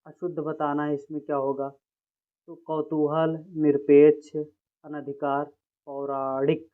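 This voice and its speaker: Guy teaching a spelling quiz, kinda high flat voice, calls viewers buddies, reads options slowly. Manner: informal, addresses viewers as friends. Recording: tinny phone-like sound.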